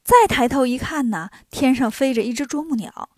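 A woman narrating a children's story in a lively, clear and expressive way. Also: sits high, moderate pace, no echo.

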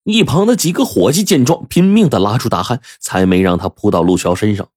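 A man telling a traditional story in a lively, colloquial, expressive way. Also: lowish voice, brisk, breathy edge, no room sound, studio quality.

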